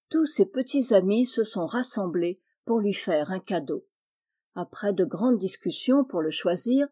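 A woman reading a children's story aloud, gentle and lilting, lifting her voice for the animal characters. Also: medium pitch, breathy edge. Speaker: audiobook reader.

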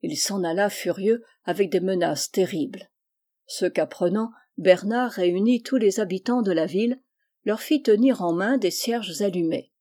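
A woman narrating a saint's legend in a calm, measured reading voice. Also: medium pitch.

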